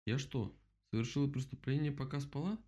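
A man's voice: mid-range voice, fairly quick, dark tone, pitched above the performer's own voice, natural voice. A man voicing a confused, polite female owl who has just woken up. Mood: puzzled. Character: bewildered sleepy female owl.

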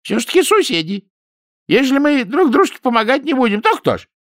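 A man's voice: very high voice, wildly swooping pitch, unhurried, gravelly, dry recording, clean studio sound, pitched above the performer's own voice, exaggerated voice. A man voicing a half-deaf, grumbling old village woman in an audiobook, with a plaintive folksy manner.

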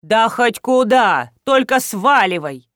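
A woman's voice: fairly high pitch, sing-song, takes it slowly, a bit bright, dry recording, studio quality, heavily acted. A woman doing a blunt, fearless old granny. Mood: dismissive. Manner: blunt, dismissive.

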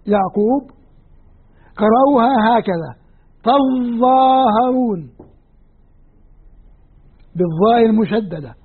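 A man's voice: very high voice, husky. A man with a Levantine Arabic accent teaching a Quran lesson, explaining patiently and repeating and counting points aloud with his listeners. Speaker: Quran lecturer. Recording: tinny lo-fi lecture recording.

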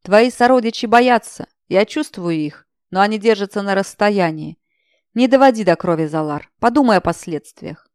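A woman voicing a calm, mocking male dragon guardian who speaks quietly and cuttingly. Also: medium pitch, moderate pace, clean tone, no room sound, clean studio sound, close to an everyday voice. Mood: cool.

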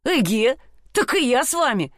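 A woman's voice: sits high, very animated, moderate pace, a bit bright, dry recording, clean studio sound, voice pushed up, full character voice. A woman doing a whooping, cheerful peasant lad. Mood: rowdy glee. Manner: boisterous, whooping, boastful. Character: cheerful simple-minded young peasant lad.

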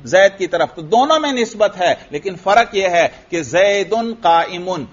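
A man's voice: high-pitched, expressive. A man teaching Arabic grammar in a classroom lecture, asking his students questions and answering them himself, reading Arabic text aloud and then explaining it. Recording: dull lo-fi lecture recording.

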